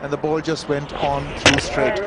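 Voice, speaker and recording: A male cricket commentator on live TV, his voice on the high side and his pace moderate, describes the play and the replays. He exclaims when a wicket falls, then explains calmly. The outdoor broadcast carries loud crowd and ground noise.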